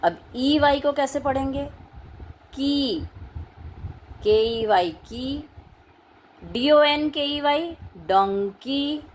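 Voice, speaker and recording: A woman teaching phonics, spelling words out letter by letter in a slow, deliberate way. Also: high-pitched, a little hiss or hum, low-quality recording. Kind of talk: classroom-style phonics lesson.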